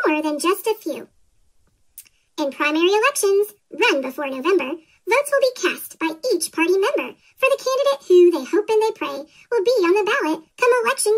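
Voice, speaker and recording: A squeaky cartoon chipmunk voice, made with a pitched-up effect, reading a rhyming children's storybook aloud in a bouncy sing-song way. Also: a bit bright. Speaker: story narrator. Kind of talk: scripted children's storybook read-aloud in rhyme.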